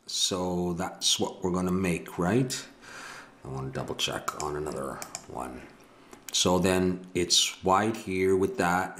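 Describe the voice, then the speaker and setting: The speaker is a middle-aged man from the Ottawa Valley in Canada, thinking aloud at a desk in his home as he works through a 3D modeling tutorial. His voice sits low with a fairly bright tone, and he muses, talks to himself, and keeps correcting himself. A little hiss or hum is audible.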